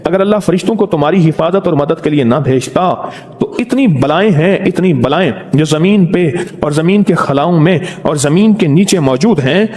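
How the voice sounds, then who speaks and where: A man preaching a storytelling sermon, animated and repeating phrases for emphasis. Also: a little high, hardly any pauses. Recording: long reverb.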